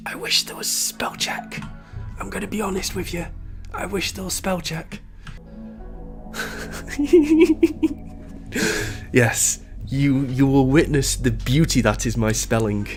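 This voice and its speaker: This co-op streamer has a slightly high voice and speaks slowly with frequent pauses, soft music playing behind him. He chats casually while gaming, lays out a role-play scenario, and pokes fun at himself, laughing a lot in an animated way.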